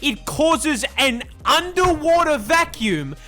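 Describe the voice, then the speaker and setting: Man, very lively intonation, forceful tone, scripted comedy narration, sweary exaggerated delivery, music behind. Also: very high voice, slow pace. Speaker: video narrator.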